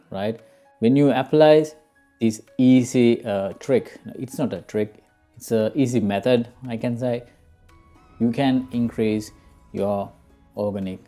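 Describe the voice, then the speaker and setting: A man with a Sri Lankan accent presents an SEO tutorial informally and step by step, with faint music playing behind him. His medium-pitched voice is mellow and unhurried, and he often checks in with "right?" and "okay?"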